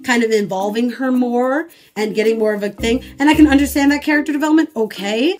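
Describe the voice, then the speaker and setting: A young woman vlogger delivers an animated reaction rant with a slightly high voice. Her tone stays sarcastic and exasperated throughout. Faint music plays behind her.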